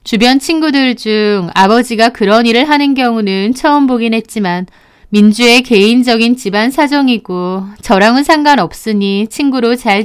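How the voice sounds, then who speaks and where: A woman narrates a scripted first-person story in an even, steady storytelling voice. Her voice is smooth and clear and sits a little high.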